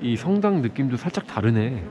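A man's voice: medium pitch, sing-song, normal speed, noisy background. Masked man chatting on a travel vlog. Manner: chatty, exclaims and asks the viewer along. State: talking through a face mask. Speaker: travel vlogger. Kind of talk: casual travel vlog chat. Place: inside a large cathedral.

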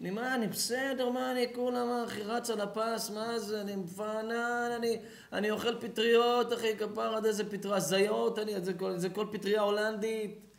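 A man's voice: high-pitched, steady tone, creaky, reverberant, pitched above the performer's own voice. A man voicing a cocky, stoned young male slacker who talks in mocking, slurred street slang.

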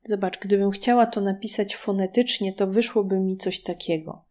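A woman with a Polish accent teaching French in a slow, patient lesson, drawing out the words for learners to repeat. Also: medium pitch, steady tone, darkish tone.

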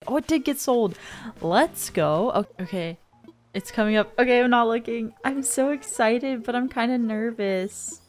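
A woman's voice: a little high, a little slow, soft background music. A young woman casually commenting on her gameplay, chatty and easily spooked, with gasps and giggles. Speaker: gaming streamer. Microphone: studio dynamic mic.

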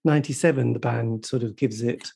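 A man hosting a podcast, asking casual questions in halting restarts and laughing along with his guest. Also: mid-range voice, creaky, warm tone, slightly rough. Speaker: podcast host.

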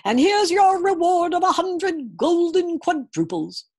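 A woman voicing a gruff, commanding male king in a storybook reading, with a loud, blustering manner. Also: very high voice, animated, measured pace, pitched above the performer's own voice, heavily acted. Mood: demanding.

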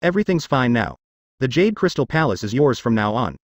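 A man voicing a calm, all-powerful immortal lord who speaks in an unhurried, assured way. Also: mid-range voice, no room sound, studio quality.

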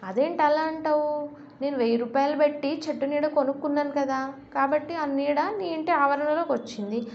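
A woman doing a calm, clever man. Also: high voice, a little fast, slight background noise. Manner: calm and even. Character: calm clever man, quietly sure of himself. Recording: dull lo-fi recording.

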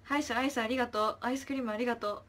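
A woman's voice: on the high side, fairly even intonation, rapid-fire. Chirpy young woman chatting on a livestream. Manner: chirpy thanks, trailing off into soft murmurs. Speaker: idol livestreamer. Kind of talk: casual livestream chat, reading viewer comments.

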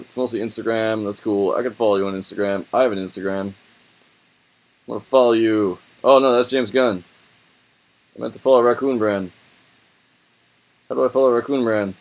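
A man's voice: medium pitch, fairly even intonation, normal speed, long pauses. A young man thinking aloud in a casual, laid-back and slangy way as he reviews what is on his screen. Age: young adult. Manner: informal, rambling, laid-back slangy talk. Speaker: website reviewer. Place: small room indoors.

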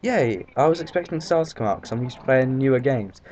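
This let's-play commentator, a British man, speaks quickly in a mid-range, slightly mellow voice. His gameplay talk is casual and rambling, stuffed with fillers and swearing. Faint background noise sits under a dull lo-fi recording.

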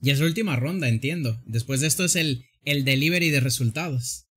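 A man's voice: mid-range voice, brisk, a bit bright, breathy edge. A man streaming a drawing game, joking, exclaiming and laughing often. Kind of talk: casual gameplay commentary.

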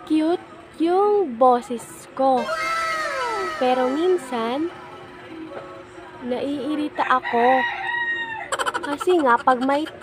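A young woman vlogging in casual chat, with a small soft voice and frequent giggles. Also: high-pitched, very slow, long pauses, over loud music. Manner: giggly, laughs often.

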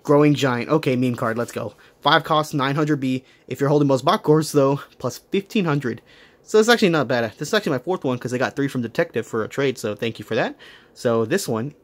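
A man chatting casually while unboxing toys, talking quickly and correcting himself as he goes. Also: mid-range voice, animated. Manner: rapid, rambling, self-correcting. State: out of breath. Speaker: toy unboxing vlogger.

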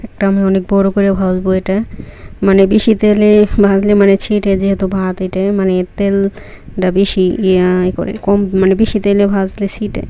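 A woman's voice: medium pitch, monotone, normal speed, mellow. A woman casually talking viewers through a recipe as she cooks, loose and chatty, often circling back to repeat herself. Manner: chatty, loose, fillers and restarts while cooking. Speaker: cooking vlogger. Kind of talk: casual cooking demonstration.

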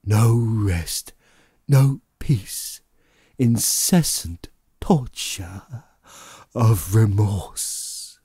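A man voicing the anguished, remorseful ghost of a dead businessman in a slow, mournful lament for an audiobook. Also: lowish voice, expressive, mellow, husky, no echo, studio quality, exaggerated voice. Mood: mournful, tormented.

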